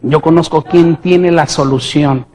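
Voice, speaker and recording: A man preaching his testimony as a sermon, impassioned, swinging from hushed to shouting and asking the congregation questions. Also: on the high side, fairly even intonation, measured pace.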